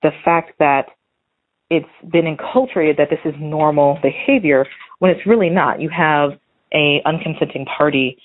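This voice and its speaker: In a low voice at a moderate pace, an American woman leaves a voicemail as a calling-in listener. Her casual comments come across earnest and a bit hesitant as she thinks aloud, heard through a muffled phone line.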